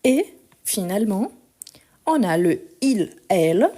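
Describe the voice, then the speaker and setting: A French teacher runs a live online grammar lesson, patiently working through it step by step and spelling out word endings letter by letter. Her medium-pitched, dark-toned voice is sing-song, slow and a bit weak, captured on a phone.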